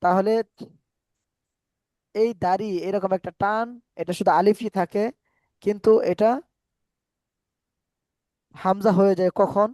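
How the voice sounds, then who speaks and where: A man teaching an online Quran class, patiently explaining letter sounds and vowel marks step by step, now and then chanting phrases in slow drawn-out recitation. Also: high-pitched, level tone, a little mellow, smooth, no echo.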